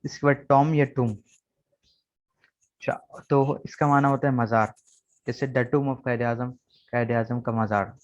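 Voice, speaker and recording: A man's voice: medium pitch, steady tone, measured pace, long pauses. Man, patient online English teacher spelling words aloud, slightly dull call audio. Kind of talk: online lesson. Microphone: video call.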